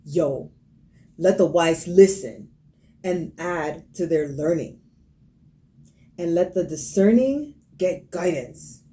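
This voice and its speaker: A woman putting on a brash, angry New Yorker voice, reading slowly and with emphasis. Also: lowish voice, expressive, mellow.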